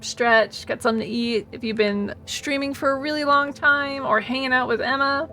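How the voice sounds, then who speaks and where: A woman's voice: high-pitched, fairly even intonation, normal speed, bright, forceful tone, slight background noise. A woman livestreaming a video game with casual commentary and a cute, bubbly anime-streamer delivery.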